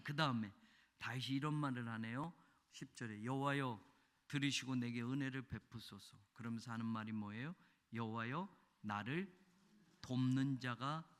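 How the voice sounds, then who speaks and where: Man, pastor, sermon, loud fervent peaks, conversational asides, long church-hall reverb. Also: mid-range voice. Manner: swings from shouting fervor to quiet, conversational asides. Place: church sanctuary.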